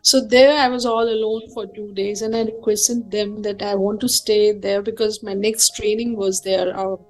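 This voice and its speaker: A woman tells stories in a casual interview and acts out the voices of the people she quotes. Her voice sits at a middling pitch for a woman. Faint music plays behind her. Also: moderate pace, low-quality recording. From India. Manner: animated storyteller who acts out quoted people. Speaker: hypnotherapist guest.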